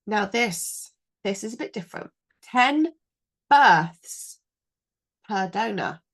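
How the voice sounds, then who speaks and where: A woman in her thirties co-hosting a podcast in casual chat, animated and quick to swear when indignant. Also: mid-range voice, gravelly, slightly rough. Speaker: podcast co-host.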